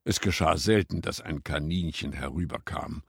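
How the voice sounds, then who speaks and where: A man reading a children's story aloud in a slow, gentle way. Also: extremely low pitch, vocal fry, husky, no room sound, studio quality.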